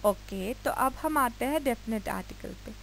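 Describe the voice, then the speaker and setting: A woman with an Indian accent explains English grammar rules slowly in a video lesson, spelling words letter by letter and frequently pausing for quick check-in questions to students. Her fairly high, animated voice has vocal fry, and the low-quality recording has a little hiss or hum.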